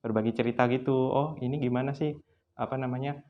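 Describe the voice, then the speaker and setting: A twenty-one-year-old man, a student guest, speaking thoughtfully with pauses and fillers. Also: mid-range voice, fairly even intonation, highs cut off, a little hiss or hum. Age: young adult.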